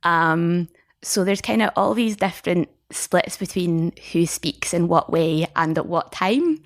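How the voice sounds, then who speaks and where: A woman's voice: lowish voice, a little slow, no room sound, studio quality. A woman from Scotland with a middle-class Scottish accent, chattily explaining things as an interview guest, often hedging as she goes. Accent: Scottish, middle-class Scottish Standard English. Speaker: guest, linguistics researcher and teacher.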